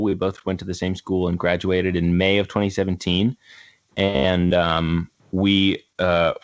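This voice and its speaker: A young man with a very low voice, telling his story at length with plenty of ums and restarts. The sound is a little dull and close, with no room echo at all. He talks like a relaxed podcast guest. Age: 20s. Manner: rambling, lots of fillers and restarts. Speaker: guest, actor and musician. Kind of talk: casual interview chat. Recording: slightly dull, dry sound.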